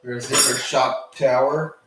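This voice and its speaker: Slow-talking man at a workbench. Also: medium pitch, steady tone, reverberant, distant mic, noisy background. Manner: slow, offhand narration while working with his hands. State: has the hiccups. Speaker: RC hobby channel host. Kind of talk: casual workbench commentary.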